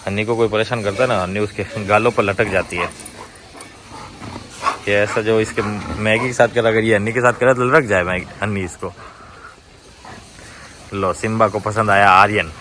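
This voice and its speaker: A man working as a dog trainer talks casually to the camera at a dog hostel, often breaking off to shout firm orders and gentle coaxing at the dogs. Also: lowish voice, fairly even intonation, normal speed, long pauses, slight background noise. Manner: commanding and coaxing dogs, often rising sharply.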